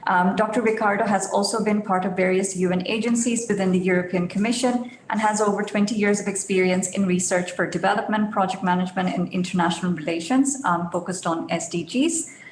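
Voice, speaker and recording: A woman's voice: mid-range voice, steady tone, a little fast, few pauses, reverberant, slight background noise, poor audio. A woman moderating a virtual forum, introducing speakers formally with frequent ums. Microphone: video call.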